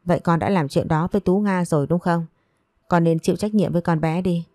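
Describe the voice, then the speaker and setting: A woman voicing a stern, scheming older mother in a romance story, speaking in a sharp, scolding way. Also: fairly low pitch, brisk, no room sound, studio quality, lightly acted.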